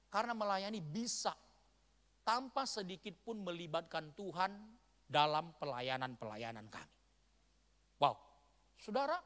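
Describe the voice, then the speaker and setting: A man from the Batak region of North Sumatra, Indonesia, delivers an animated storytelling sermon to a church congregation, his voice sitting high. He bursts into shouts and laughter, and the large church hall adds long reverb.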